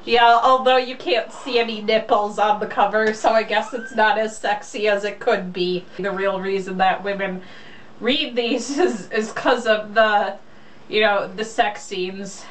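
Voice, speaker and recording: Reading a romance novel aloud as a co-host, this woman keeps the chat casual while mocking the text bluntly and sarcastically, cursing freely. She speaks unhurriedly at a medium pitch with fairly even intonation. The audio comes from a distant mic with faint background noise.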